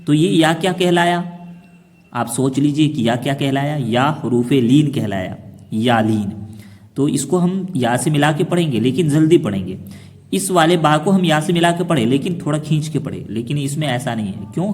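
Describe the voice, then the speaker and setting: Male teacher for children, who quizzes and then answers himself and draws out each sound; slightly high voice in a reverberant space. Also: a little mellow. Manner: asks questions and then answers them himself, slowing down to spell out syllables. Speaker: Quran reading teacher. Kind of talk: explaining a lesson to children.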